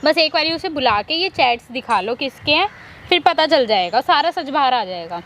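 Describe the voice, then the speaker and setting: A woman's voice: high voice, lively intonation, moderate pace, fairly bright tone, a little hiss or hum. A woman playing a pushy, accusing young woman. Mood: insistent. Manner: insistent, accusing. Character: pushy young woman demanding a phone call. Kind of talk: staged street confrontation skit.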